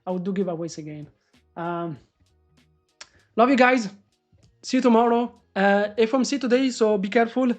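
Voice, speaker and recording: A man doing live trading commentary on a stream, excitable and swearing as he talks to the market. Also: high voice, normal speed, long pauses, faint music behind. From Morocco. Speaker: day trader live-streaming.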